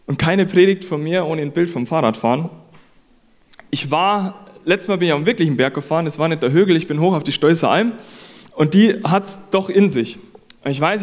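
A man's voice: fairly high pitch, a little mellow. A man preaching a sermon in an earnest, conversational way, repeating phrases for emphasis.

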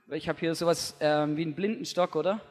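A man with a high voice preaching to a youth crowd, casual and slangy, acting out scenes with bursts of shouting. His voice rings through a large hall with a long reverb tail. He tells the Bible story as a storyteller. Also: quick pace. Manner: energetic, slangy, acts out the story with shouted quotes and asides.

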